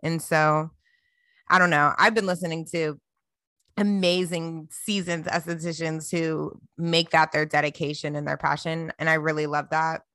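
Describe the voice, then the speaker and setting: A woman in her late twenties hosting a casual chat, talking in an animated, slangy and emphatic way. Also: deep voice, normal speed, no room sound. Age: 20s.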